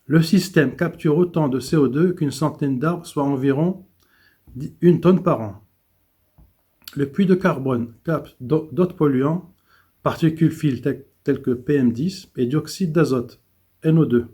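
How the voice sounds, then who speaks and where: A man's voice: on the high side, a little slow, dark tone, slightly rough. A man reading economic and environmental news commentary, with small stumbles and restarts.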